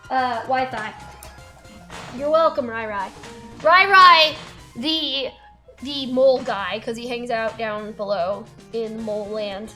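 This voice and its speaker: A woman's voice: fairly high pitch, takes it slowly, pushed and bright, soft background music. A woman in her thirties hosting a stream, chatting casually and laughing often while she paints. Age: 30s. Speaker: stream host. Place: studio set with a table.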